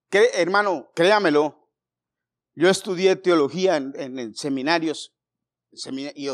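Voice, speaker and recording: A man preaching a sermon in a church, swinging between loud exhortation and hushed storytelling. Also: a little high.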